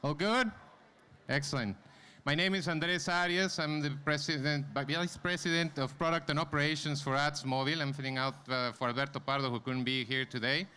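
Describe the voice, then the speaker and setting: On a conference stage before an audience, a company vice president gives a live presentation, speaking informally and directly to the crowd. His voice is on the high side and sharp-toned, fairly quick with fairly even intonation, and the live event room carries clear background noise.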